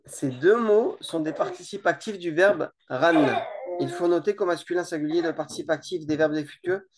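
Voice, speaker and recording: A relaxed teacher giving an informal grammar lesson, explaining slowly with many hesitations and repeated words. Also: mid-range voice, noisy background. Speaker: Arabic teacher.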